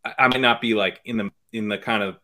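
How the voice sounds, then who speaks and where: A man who is a guest on a podcast, analyzing fantasy football picks in a hedging, casual way and often trailing off quietly. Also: on the low side, steady tone, quick pace. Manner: hedging, many fillers and restarts, trails off quietly.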